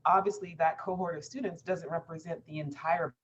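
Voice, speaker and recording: Sex: woman. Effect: choppy, cutting-out video call. Pitch: low. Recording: dull lo-fi call with faint noise. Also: steady tone, brisk, husky. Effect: choppy, cutting-out internet connection. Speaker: community development manager. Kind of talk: answering questions in a virtual info session.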